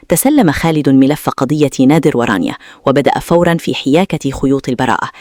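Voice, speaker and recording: A man's voice: fairly high pitch, a little mellow, no echo, studio quality. A man narrating a scripted recap of a drama series in a formal, dramatic storytelling manner.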